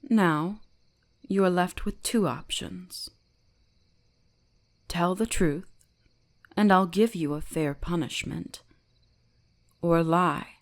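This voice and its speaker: In a scripted ASMR roleplay addressed to the listener, a woman with a lowish voice plays a commanding kitsune shrine guardian who is centuries old. She speaks slowly and deliberately, with a teasing gentleness.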